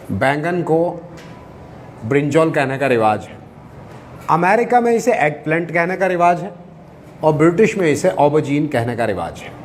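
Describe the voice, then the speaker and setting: A man teaching English to a class, explaining slowly with repeated examples and questions to the students. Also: a little high, slight background noise. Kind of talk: classroom lecture.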